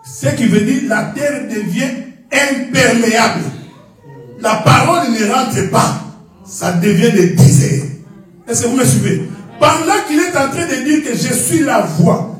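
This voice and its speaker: Man, sermon, high-pitched, animated, echoey hall, distant mic. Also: measured pace. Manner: animated, calls out to congregation for responses. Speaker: preacher.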